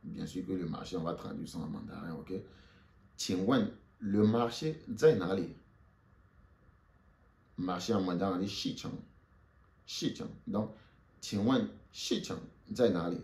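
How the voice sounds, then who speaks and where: A man giving a spoken language lesson, slowly repeating short phrases for listeners to say back after him. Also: low-pitched, creaky, a little mellow. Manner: slow, repeats phrases for the learner to echo. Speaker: Mandarin teacher.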